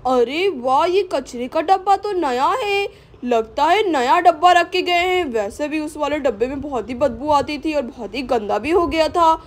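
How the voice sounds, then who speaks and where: Figure: grumbling, put-upon husband voiced by a woman. Style: doll-play storytelling. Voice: high but lowered for a man, moaning about chores. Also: expressive, normal speed. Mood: chatty.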